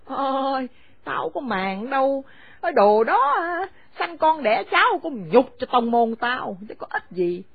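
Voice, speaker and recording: A woman's voice: high voice, big pitch swings, a little slow, creaky, husky, no echo, pitched above the performer's own voice, exaggerated voice. A woman voicing a furious, domineering elderly mother-in-law who screams scornful insults. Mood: furious scolding. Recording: dry, phone-like narrow sound.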